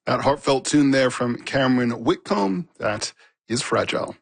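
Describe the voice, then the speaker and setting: Male radio host, gravelly timbre, friendly conversational interviewer. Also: medium pitch, expressive, moderate pace.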